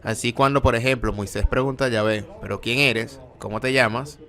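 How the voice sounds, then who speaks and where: A man's voice: medium pitch, steady tone, brisk, a bit bright. A man giving a lecture, explaining terms step by step and often correcting himself mid-sentence.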